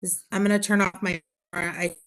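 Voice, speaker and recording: A woman giving a short update on a remote video call while passing through a tunnel. Her audio breaks up and cuts out, so she comes through in halting, apologetic fragments. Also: medium pitch, level tone, fairly bright tone. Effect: video call audio breaking up and cutting out. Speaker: university representative at a board meeting.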